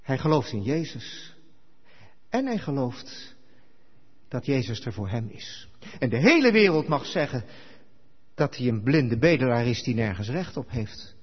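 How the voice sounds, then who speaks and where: Male pastor, husky tone, lively sermon, dull recording with long church reverb. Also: mid-range voice, unhurried, pauses often. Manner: animated storytelling, acting out quoted dialogue. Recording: echoey hall, dull lo-fi sound.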